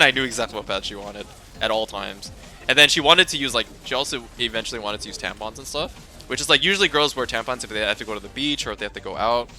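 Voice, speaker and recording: A man's voice: mid-range voice, creaky, sharp tone. A young man streaming, telling a casual story in a rambling way, swearing and laughing a lot.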